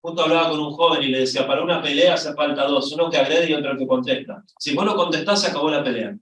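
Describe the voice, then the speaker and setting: A middle-aged man with an Argentine accent preaching a sermon, telling a story with lively rises in his voice. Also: fairly high pitch, fast talker. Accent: Argentine Spanish. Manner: storytelling, lively, voice rising when excited. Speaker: pastor. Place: church hall. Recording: echoey church from far off.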